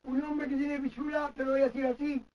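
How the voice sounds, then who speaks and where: A man's voice: very high voice, little pitch movement, brisk, distant mic, muffled recording, a little hiss or hum. A man with a Chilean accent who scolds and swears constantly, repeating himself in a heated comic argument. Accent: Chilean Spanish.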